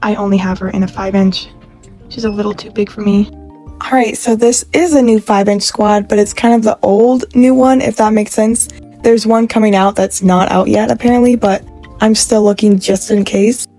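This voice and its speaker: A woman in her twenties talking casually and excitedly to a phone camera while shopping in stores. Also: mid-range voice, moderate pace, faint music behind. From California. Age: 20s. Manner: gushing, excitable, chatty. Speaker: vlogger. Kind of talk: casual shopping vlog narration. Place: in stores with background music, holding a phone.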